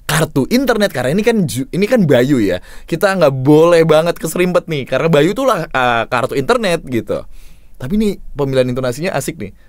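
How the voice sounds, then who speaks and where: Lively man critiquing voice-overs. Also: fairly quick, no room sound. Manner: animated, demonstrates lines with big pitch swings. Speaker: voice-over coach reviewing submissions. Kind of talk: casual spoken critique.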